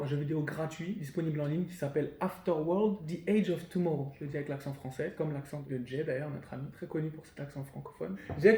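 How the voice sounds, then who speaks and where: A man's voice: fairly high pitch, mellow, echoey room. Slangy young man hosting a comic chat. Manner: joking, slangy, quick asides. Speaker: show host. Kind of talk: casual comic news chat.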